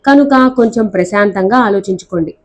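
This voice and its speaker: A woman voicing a clever, quick-witted young woman who scolds and pleads theatrically in a storybook reading. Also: mid-range voice, close to an everyday voice. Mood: brisk.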